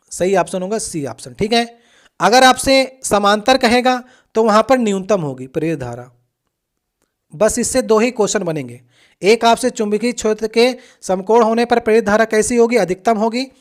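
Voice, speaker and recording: A coaching teacher works through previous exam questions in a steady, explanatory way. The teacher speaks directly to the students and keeps checking in with a quick "okay" before moving on. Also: mid-range voice.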